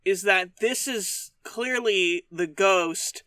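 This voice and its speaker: A man co-hosts a podcast in casual chat, cracking jokes and swearing with deadpan asides. His voice sounds bright. The recording is dry and close to the mic. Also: high-pitched, slow pace, clear, resonant tone, no echo. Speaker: podcast co-host.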